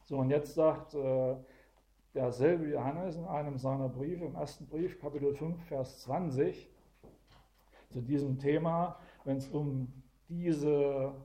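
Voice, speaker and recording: Bright-voiced preacher. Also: male voice, on the high side, steady tone, slow pace. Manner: explains verse by verse, often adds "gell?". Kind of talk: Bible teaching to a small group.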